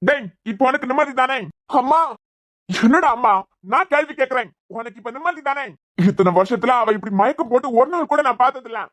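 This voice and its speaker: Woman doing a menacing cartoon father, Kanyakumari Tamil accent, shouting and scornful, fairly high for a man, dry close sound. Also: brisk, dry recording, close to an everyday voice. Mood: accusing. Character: angry middle-aged father, menacing head of house. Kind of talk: cartoon web series voice acting.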